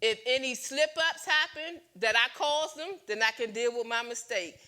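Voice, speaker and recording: A woman in her late forties, hosting a casual talk show. Her voice is bright and sits a bit high, and she talks candidly with lots of "um"s and restarts as she lays out her opinions. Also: moderate pace. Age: 40s. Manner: candid, opinionated, many fillers.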